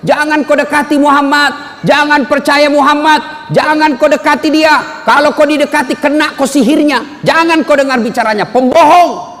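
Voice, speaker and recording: A man voicing a suspicious blind old man at a market who shouts accusations in a high, strained voice. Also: fairly even intonation, moderate pace. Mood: accusing. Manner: accusing, indignant outbursts. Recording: long hall reverb.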